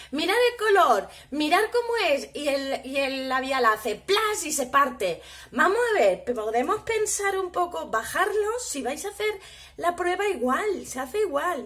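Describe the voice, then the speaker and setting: High-voiced chatty Spanish woman showing makeup. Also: fairly bright tone. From Spain. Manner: chatty, often asks viewers to look. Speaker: beauty vlogger. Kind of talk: casual haul video.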